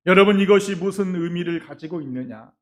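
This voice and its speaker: High-voiced dramatic male preacher. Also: brisk. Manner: dramatic preaching, swings between loud cries and quiet asides; folksy storytelling, addresses the congregation directly. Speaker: pastor. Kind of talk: sermon.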